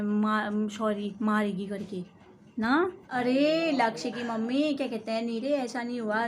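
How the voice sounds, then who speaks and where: A woman's voice: on the high side, slight background noise. Chatty Uttarakhandi woman, gossip role-play. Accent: Uttarakhand Hindi. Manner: chatty and gossipy, full of tag words and fillers. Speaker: comedy vlogger. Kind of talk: comic role-play of a village gossip chat.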